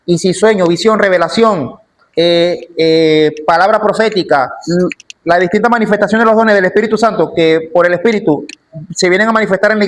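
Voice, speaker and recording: A man's voice: a little high, slight background noise. A man teaching a church Bible class in an emphatic way, often repeating his key phrases.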